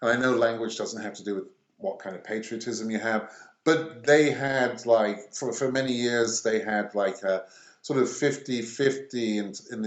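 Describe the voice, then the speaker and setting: A middle-aged man from England, speaking as an interview guest in a halting way, pausing often between phrases. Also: fairly low pitch, muffled recording. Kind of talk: conversational interview. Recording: echoey room.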